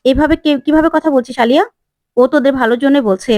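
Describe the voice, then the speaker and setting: A woman voicing an earnest young man in a retold TV serial, in her own voice with a slightly higher pitch. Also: steady tone, quick pace, darkish tone, dry recording, lightly acted. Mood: pressing.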